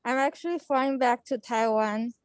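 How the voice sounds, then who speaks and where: A young woman speaks politely and warmly in a high voice, calling in from an airport. The sound is close and dry, with no room echo around her. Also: normal speed. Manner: friendly, polite. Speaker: medical student.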